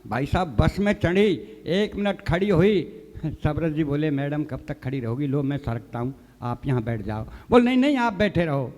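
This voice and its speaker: Guy doing comic poetry on a stage mic, high voice, long hall echo. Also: expressive, moderate pace, darkish tone. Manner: storytelling with quoted dialogue, addressing the audience as sahab. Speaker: comic poet. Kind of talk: stand-up comic poetry recitation. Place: stage of a live poets' gathering.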